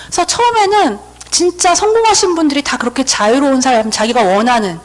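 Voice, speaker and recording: A woman in her thirties giving a seminar talk, telling a lively story and acting out her own dialogue. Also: high-pitched, brisk, poor audio. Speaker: invited seminar speaker. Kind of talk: motivational storytelling speech.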